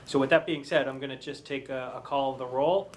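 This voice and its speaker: A man's voice: mid-range voice, fairly even intonation, fairly quick. A man leads a committee meeting in a municipal room, taking the roll and moving through procedure. He speaks with frequent hesitations and fillers, easing the formality with small jokes. A light hiss of background noise sits under the voice. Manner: hesitant, many fillers, joking asides. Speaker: committee clerk chairing the meeting.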